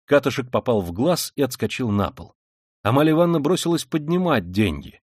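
A man narrating a literary audiobook with an expressive, dramatic delivery. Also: medium pitch, brisk, dry recording, clean studio sound. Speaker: audiobook reader.

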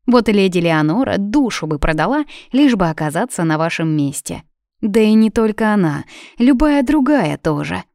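A woman's voice: mid-range voice, big pitch swings, normal speed, no room sound, clean studio sound. Woman doing a kindly, soothing maid. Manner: gentle, reassuring.

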